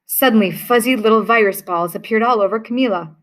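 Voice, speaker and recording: A woman reading a children's picture book aloud in a lively, expressive way. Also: medium pitch, fairly quick. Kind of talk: read-aloud storybook narration.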